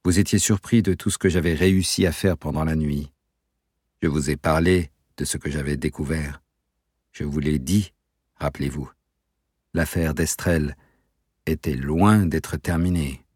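A man voicing a calm, intense young captain who speaks in a quiet, steady, insistent way. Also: a bass voice, a little slow, slightly rough, dry recording, studio quality, full character voice.

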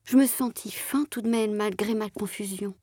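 A woman voicing a young, worn former country servant girl in a hushed, confiding whispered role-play, using rustic turns of speech. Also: mid-range voice, moderate pace, slightly rough, dry recording, studio quality, lightly acted.

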